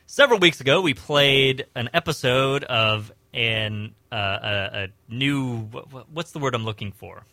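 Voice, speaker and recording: Male radio host: casual, hesitant, sharp bright tone, dry studio sound. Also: medium pitch, measured pace, few pauses, no room sound. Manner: hesitant, searching for words.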